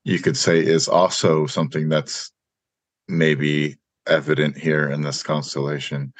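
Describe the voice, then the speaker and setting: Very deep-voiced joking podcast host. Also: male voice, little pitch movement, no echo. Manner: easygoing, joking, quick to laugh. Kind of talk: casual chat.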